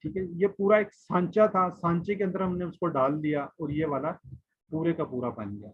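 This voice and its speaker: Guy teaching an online quran class, slightly high voice, husky, patient, repeats stuff a lot. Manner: patient, repetitive drilling, asks the class questions. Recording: muffled lo-fi online class audio.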